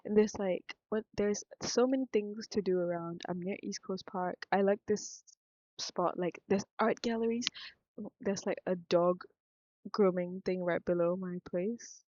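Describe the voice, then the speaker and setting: A young Singaporean woman vlogs in a rambling, frank monologue, thinking aloud, meandering and cutting herself off. Her medium-pitched voice is steady, a little slow and slightly mellow, recorded with no room sound and the highs cut off.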